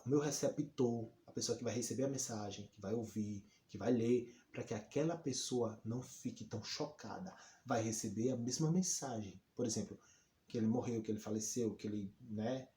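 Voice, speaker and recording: A man teaching a lesson, asking rhetorical questions and answering them himself, sometimes acting out example lines in a higher voice. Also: moderate pace, warm tone, reverberant. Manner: asks and answers his own questions, lots of rhetorical questions. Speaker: Portuguese teacher. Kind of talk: lively explanatory lesson.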